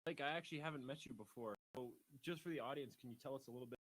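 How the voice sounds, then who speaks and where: A man's voice: medium pitch, racing, a bit bright, dry recording, poor audio. A man hosting a live radio talk show, asking a guest to introduce himself while his audio cuts out in dropouts. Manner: upbeat, chatty greetings. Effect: audio cutting out in dropouts.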